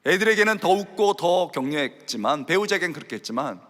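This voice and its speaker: A male preacher delivers a sermon with a lively, swinging pitch. He drops to quiet storytelling and then climbs to fervent appeals. His voice rings with the long reverb of a big church hall. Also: fairly quick. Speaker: pastor.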